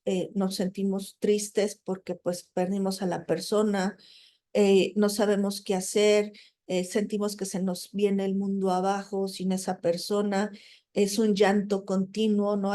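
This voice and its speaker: A woman's voice: mid-range voice, warm tone. A woman teaching a class in a conversational way, often checking in with listeners and acting out the people she talks about. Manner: conversational, frequent "¿no?" tags and fillers; acts out quoted people while explaining. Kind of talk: recorded lecture.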